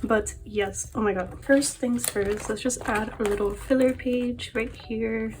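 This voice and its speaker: Vlogging casually, a young adult woman talks about her collection and her life in a chatty, rambling way, laughing and using lots of fillers; allergies make her voice sound slightly off. Her pitch sits on the high side with fairly even intonation and a measured pace, and background noise is audible.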